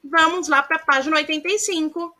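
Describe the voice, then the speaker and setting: A woman's voice: high voice, fairly even intonation, fairly quick, bright, forceful tone. A woman, a primary school teacher giving a recorded grammar lesson, sounding words out syllable by syllable and calling her pupils "amores". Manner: affectionate, calls pupils "amores", asks checking questions.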